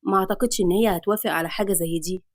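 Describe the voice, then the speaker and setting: A woman's voice: mid-range voice, racing, no room sound, studio quality, voice pushed down, natural voice. A woman doing an anxious young son with an Egyptian accent. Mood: worried. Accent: Egyptian Arabic. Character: worried young adult son.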